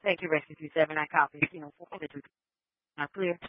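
An emergency dispatcher speaking over a walkie-talkie radio, steady and routine, acknowledging units. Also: mid-range voice, a little fast, background noise. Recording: tinny dry two-way radio.

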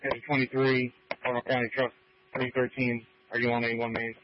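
A man's voice: medium pitch, a little fast. Man on a muffled dispatch radio. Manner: clipped, even, procedural. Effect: two-way radio transmission. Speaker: fire dispatcher. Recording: muffled radio with faint hum.

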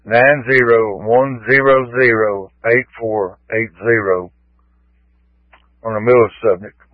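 A man's voice: medium pitch, fairly even intonation, slow, dry recording. Man on a tinny police radio. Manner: clipped radio codes, reads out numbers. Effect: police radio transmission. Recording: tinny radio channel, dry.

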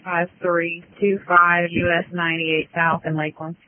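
A male emergency responder giving flat, clipped reports over a two-way radio. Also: fairly high pitch, moderate pace. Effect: two-way dispatch radio transmission. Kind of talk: radio unit traffic. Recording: tinny narrow-band radio scanner audio.

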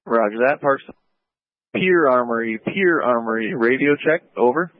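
A man's voice: mid-range voice, lively intonation, normal speed, no echo. A man running radio checks as net controller, speaking in clipped procedural phrases over a two-way radio transmission. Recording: tinny dry radio audio.

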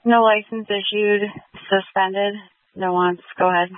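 A woman's voice: medium pitch, steady tone, measured pace, no echo. A woman police dispatcher reading out calls in clipped radio codes over a two-way radio. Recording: tinny dry radio channel.

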